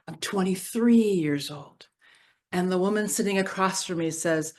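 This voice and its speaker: A middle-aged woman giving a personal storytelling reflection at a church service, moving from playful to hushed and grave. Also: fairly low pitch, a little slow. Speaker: worship reflection speaker.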